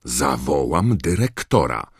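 A man voicing a strict older female professor with a sharp, commanding manner. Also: extremely low pitch, slow, vocal fry, slightly rough, no echo, clean studio sound, exaggerated voice. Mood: stern, angry.

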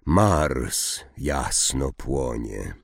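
A man doing a melancholy centaur with a deep, gravelly voice. He speaks slowly and solemnly, every phrase drawn out and mournful. The sound is dry and close. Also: animated, no echo, full character voice.

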